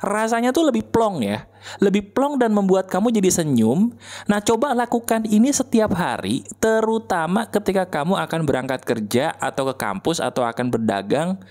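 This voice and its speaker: A man's voice: high-pitched, sing-song, moderate pace, a little mellow. Man, motivational speaker, conversational, rhetorical questions, coaxing instructions. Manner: coaxing, gives step-by-step instructions. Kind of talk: motivational talk to viewers.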